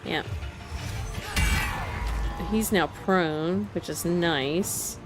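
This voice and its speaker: Woman gamer, lowish voice, unhurried live-stream play-by-play, frequent laughs. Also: music in the background. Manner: chatty, laughs often, thinks aloud. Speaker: streamer playing a video game. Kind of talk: casual live gameplay commentary.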